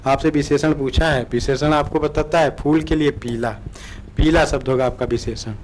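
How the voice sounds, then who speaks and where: A man teaches an online exam-prep lesson, explaining by asking questions and answering them himself, repeating key words, and often correcting himself. His voice is on the high side with a darkish tone, fairly even intonation, and a moderate pace. A little hiss or hum is audible.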